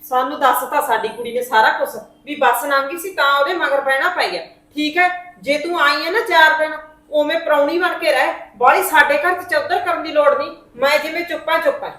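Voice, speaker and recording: A woman's voice: sits high, fairly quick, bright, forceful tone. A woman playing a defiant aunt who argues back hard in a family drama. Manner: argumentative, talking back. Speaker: paternal aunt living in her brother's house. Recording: echoey room.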